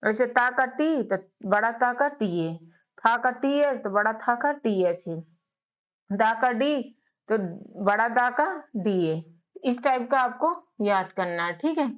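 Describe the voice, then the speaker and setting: A woman's voice: a little high, animated, slow pace. A woman teaching English spelling to beginners, drilling sounds letter by letter and often asking and answering her own questions. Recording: dull lo-fi audio.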